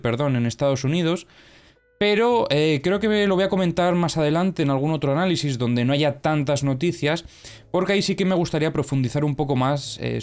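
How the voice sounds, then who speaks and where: A young man with a clean, mid-range voice hosts crypto news and analysis. His casual commentary is chatty and explanatory, full of fillers and self-corrections.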